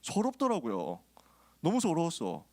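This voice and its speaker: A man's voice: fairly high pitch, moderate pace. A male pastor preaching to a youth group, telling personal stories in a casual, joking way before urging his listeners on. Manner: lively storytelling, casual and joking, then exhorting.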